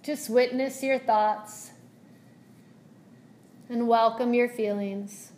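In a steady, fairly high voice, this yoga teacher takes listeners through a guided meditation. Her delivery is gentle and soothing, with measured phrasing and lengthy pauses.

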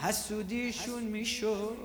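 A man's voice: high-pitched, steady tone. A man reciting a mourning sermon as a eulogy reciter, in a rhythmic chanted lament with repeated cries. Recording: echoey hall with music.

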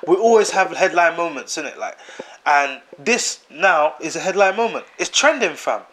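A man chatting casually on a podcast, animated and slangy, repeating himself for emphasis. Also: fairly high pitch, normal speed. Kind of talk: casual chat.

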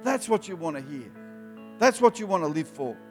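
A man in his fifties preaching an emphatic sermon to young people, his voice rising in animated bursts. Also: fairly high pitch, normal speed. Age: 50s. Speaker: youth preacher. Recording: live hall with long reverb, soft music behind.

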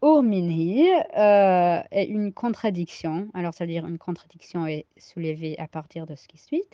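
A woman with an American accent, sick with a cold, teaching a daily Talmud lesson. She reads each Aramaic line and then translates it haltingly, with many fillers. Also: on the low side, no echo. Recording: dull lo-fi sound.

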